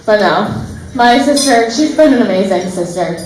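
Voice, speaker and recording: A woman's voice: medium pitch, lively intonation, normal speed, crowd noise. A young woman, the maid of honor, giving a heartfelt, giggly wedding toast, close to tears at times. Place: wedding reception hall. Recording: echoey reception hall.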